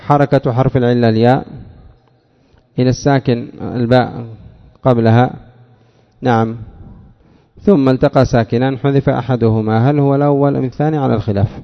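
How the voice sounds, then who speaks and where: Gravelly-voiced man teaching in an echoing hall. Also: mid-range voice, steady tone, fairly quick, pauses often. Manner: asks questions and answers them himself, repeats key words; addresses a student by name. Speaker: teacher of Arabic morphology. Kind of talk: classroom lesson explaining a text. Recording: dull lo-fi recording with long hall reverb.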